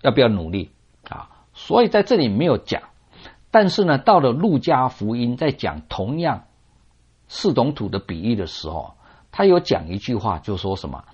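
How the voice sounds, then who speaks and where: A man's voice: medium pitch, very animated, a little mellow, breathy edge. A man preaching a sermon on a parable, asking and answering his own rhetorical questions in a teaching tone. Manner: teaching tone with drawn-out sentence particles. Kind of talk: sermon expounding a scripture parable. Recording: dull lo-fi recording.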